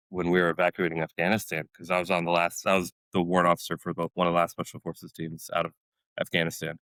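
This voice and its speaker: A retired Army warrant officer with a low, fairly bright voice shares army stories as a podcast guest, recorded with no room sound. He is in his forties and his first language is Polish, and his casual storytelling is animated, with lots of laughter and impressions of other people.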